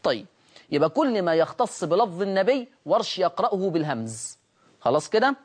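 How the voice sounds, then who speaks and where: A man with an Egyptian Arabic accent teaching Quran recitation rules. He explains each rule and then slowly intones the example words. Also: high-pitched, big pitch swings. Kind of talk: recitation lesson.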